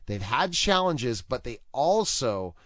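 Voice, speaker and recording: A man's voice: mid-range voice, very animated, slow pace, a bit bright, no echo, studio quality. A man hosting an interview show, talking casually and rambling with restarts and fillers. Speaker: talk show host.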